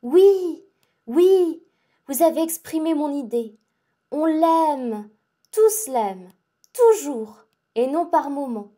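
A feverish young girl who swings between rapture and dread, her speech breathless and urgent, as a woman reads her. The voice sits fairly high, with a soft, mellow tone. This is a dramatic audiobook reading. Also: takes it slowly, exaggerated voice. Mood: intense. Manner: excitable, breathless, intense.

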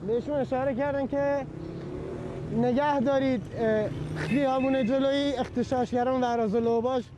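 A man's voice: very high-pitched, steady tone. A man, a security officer, giving a formal, report-like eyewitness statement with some hesitations. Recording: outdoor noise behind voice.

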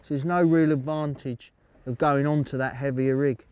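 A middle-aged man calmly explaining his fishing method outdoors at a lakeside, speaking steadily into a lapel mic. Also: medium pitch, moderate pace, smooth, no echo. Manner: calm, steady, explaining as he fishes. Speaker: angling coach.

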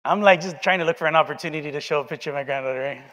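Man, 40s, preacher, earnest storyteller, high voice, recorded in a big echoing church. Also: rapid-fire, fairly bright tone. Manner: earnest storytelling, acts out quoted dialogue. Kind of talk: sermon with personal story. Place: church sanctuary. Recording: long hall reverb.

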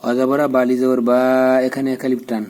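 A man teaching a prayer, rattling off letter-by-letter spelling and then drawing each joined phrase out in a slow chant. His voice is mellow and dark, with little rise and fall. The delivery is patient and methodical. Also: medium pitch, monotone. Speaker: Quran recitation teacher. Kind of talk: spelling out and reciting Arabic prayer.

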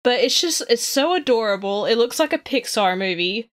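A woman's voice: fairly high pitch, lively intonation, moderate pace. A woman co-hosting a gaming podcast, chatting casually with enthusiasm and giggles. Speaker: podcast co-host.

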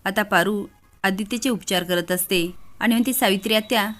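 A woman's voice: medium pitch, normal speed, soft background music. A woman narrating a recap of a television serial episode, lightly voicing each character.

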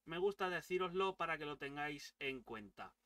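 A man with a Spain Spanish accent giving excitable, swearing let's play commentary as a gaming YouTuber. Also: on the high side, moderate pace, no room sound, clean studio sound, recorded from a distance. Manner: excitable, swears and shouts at the game.

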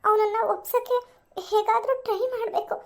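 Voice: very high voice, steady tone, normal speed. A performer voicing a lovesick, tearful young woman in a home-made cartoon. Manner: earnest, tearful pleading. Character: lovesick young woman pining for her cousin.

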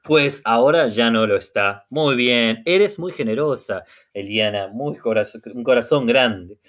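A man's voice: mid-range voice, lively intonation, a little slow, a bit bright. A man reading the lines of a magical male genie from a lamp in a simple story, over muffled web meeting audio.

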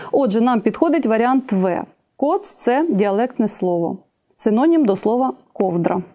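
A young woman teacher walks through an exam-prep lesson in a measured, methodical way, listing her examples one at a time. Her voice sits slightly high, and its tone is warm and mellow rather than bright. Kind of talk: exam-prep video lecture.

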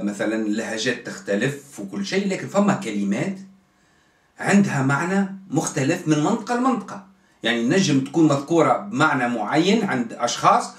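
A man with a Tunisian accent explaining things casually, acting out pronunciations and often checking that listeners follow. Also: medium pitch. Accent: Tunisian Arabic. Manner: animated, acts out dialect pronunciations, keeps asking "understand?". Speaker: channel host explaining religious history. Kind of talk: casual explanatory talk to camera. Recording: roomy echo, voice from a distance.

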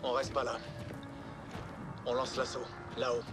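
A man's voice: mid-range voice, level tone, unhurried, music in the background, natural voice. A man acting an earnest, commanding space marine commander in a French game dub. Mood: commanding, urgent. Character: steadfast military commander leading stranded space marines. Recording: noisy battlefield ambience behind the voice.

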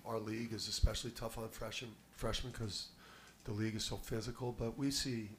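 Facing the press after a game, a middle-aged basketball head coach talks a little fast in a lowish yet fairly bright voice with a steady tone. He sounds confident and emphatic, repeating words on starting and restarting, into a stand-mounted table mic in a press room, with slight background noise.

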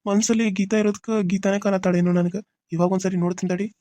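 A man's voice: sits high, level tone, fast talker, warm tone, dry recording, lightly acted. A man voicing a moody young husband in a cartoon serial, brooding and harsh by turns. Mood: confused. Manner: brooding, harsh, then pleading. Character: young husband, moody, torn between two women.

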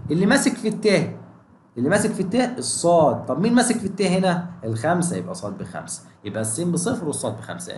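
A man's voice: fairly high pitch, roomy sound, a little hiss or hum. A man with an Egyptian Arabic accent, a math teacher walking through exam exercises and keeping his students involved with constant questions. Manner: energetic, keeps asking students questions.

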